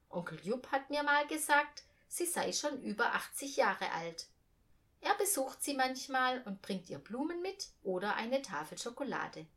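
Expressive female storybook reader with a lively voice. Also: on the high side. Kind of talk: reading a children's story aloud.

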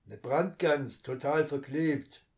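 A man's voice: a little high, slow, pitched above the performer's own voice. A man reading a storybook and voicing a jovial, teasing fisherman. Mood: joking. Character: joking thin fisherman, middle-aged.

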